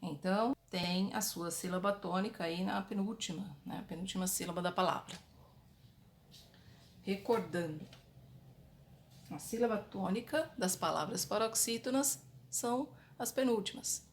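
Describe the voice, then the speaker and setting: Slow, patient Brazilian woman teacher. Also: mid-range voice, slight background noise. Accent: Brazilian Portuguese. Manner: slow, patient, repeats points for young pupils. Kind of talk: recorded online class for children. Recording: echoey room.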